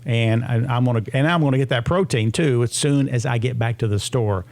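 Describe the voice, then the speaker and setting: Male health-radio host, sixties, creaky gravelly voice, casual talk, close dry sound. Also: mid-range voice, brisk, darkish tone, no room sound.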